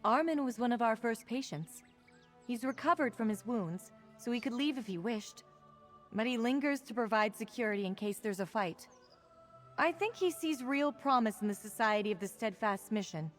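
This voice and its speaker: An actress playing a caring but stern healer in a video game, speaking in an earnest, measured, polite way. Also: female voice, fairly high pitch, lively intonation, faint music behind, lightly acted. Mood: calm, explaining. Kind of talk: video game quest dialogue.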